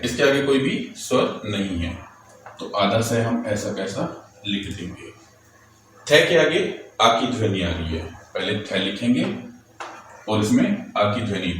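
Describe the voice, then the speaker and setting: A man with a low voice teaches a lesson on writing letters and vowel signs, moving patiently from one step to the next. He often asks a question and answers it himself. The sound is very echoey, with the mic some distance away and faint noise behind him. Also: fairly bright tone. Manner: patient explaining, poses and answers his own questions.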